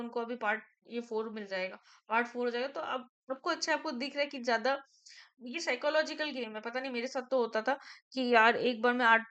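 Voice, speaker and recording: Fast-talking Indian woman teacher, crisp voice. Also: on the high side, fairly bright tone. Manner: fast-talking, repeats terms to drill them. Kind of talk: online lecture mixing Hindi and English.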